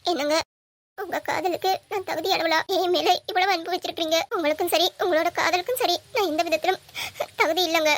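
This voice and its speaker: A woman doing a meek cartoon wife, high pleading voice, quick delivery, dry close mic. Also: fairly even intonation, fairly bright tone. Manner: pleading, apologetic. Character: meek devoted young wife. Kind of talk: cartoon voice acting.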